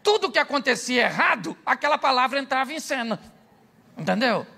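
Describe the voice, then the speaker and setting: A middle-aged Brazilian pastor with a high, gravelly voice preaches in a bright, sharp tone. He delivers a humorous sermon, tells stories and acts out every voice in them. He keeps checking in with his listeners, asking them yes-or-no questions. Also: animated, fairly quick. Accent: Brazilian Portuguese. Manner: jokey, acts out dialogue, asks the crowd "sim ou não?".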